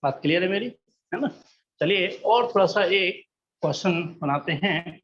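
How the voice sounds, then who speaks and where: A man's voice: sits high, lively intonation, normal speed, muffled recording, a little hiss or hum. A man teaching a math class, patient and coaxing, often checking that students follow along. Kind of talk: classroom lesson.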